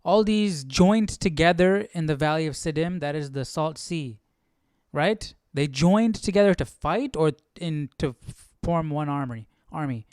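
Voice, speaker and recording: The host of a live Bible study speaks unhurriedly in a fairly high, slightly mellow, smooth voice, captured in a dry, studio-quality recording. His study is casual: he reads aloud, muses informally, frequently repeats himself and checks that he has understood.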